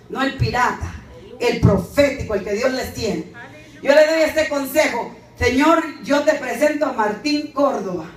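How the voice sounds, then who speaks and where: A woman preacher from Guatemala with a Guatemalan accent, giving a fervent, emphatic sermon straight to her congregation. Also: sits high. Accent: Guatemalan Spanish. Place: church. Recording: echoey church hall, mic far off, faint noise.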